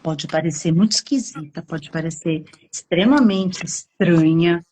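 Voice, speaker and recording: A Brazilian woman psychologist explaining on a live stream, acting out inner thoughts with drawn-out, expressive emphasis. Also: low-pitched, slight background noise. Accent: Brazilian Portuguese.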